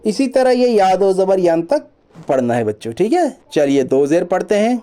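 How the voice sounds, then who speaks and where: A man teaching children Quran reading, reciting letter sounds slowly one by one and patiently repeating each rule, with mixed into his explanations. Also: sits high, very animated, warm tone. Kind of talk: children's lesson, slow drilled recitation.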